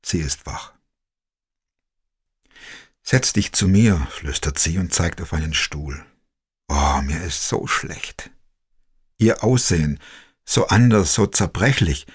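Slow husky male storyteller. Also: very deep voice. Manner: slow, reflective, quiet. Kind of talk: first-person story narration.

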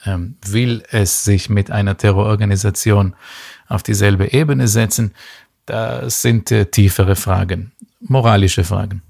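Low-voiced, thoughtful man from Israel. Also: fairly even intonation, creaky, darkish tone. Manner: thoughtful, measured, many fillers and restarts. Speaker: guest expert. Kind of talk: explanatory podcast talk.

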